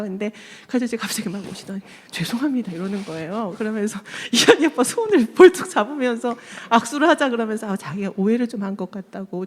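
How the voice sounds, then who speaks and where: A woman in her thirties, her voice on the high side, shares a personal testimony with the congregation in a church sanctuary, laughing often and acting out the voices in her story. A long reverb tail trails her words.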